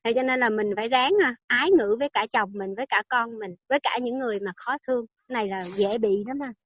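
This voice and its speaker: A woman's voice: fairly high pitch, fast talker, no echo. A woman delivers a Buddhist dharma talk in a chatty, teasing way. She keeps asking her listeners questions as she teaches. The recording is dry and a little dull.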